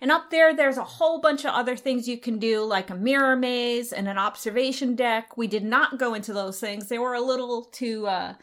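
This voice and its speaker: Enthusiastic woman podcast co-host, higher voice. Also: normal speed, hardly any pauses. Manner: enthusiastic, descriptive. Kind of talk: casual travel podcast chat.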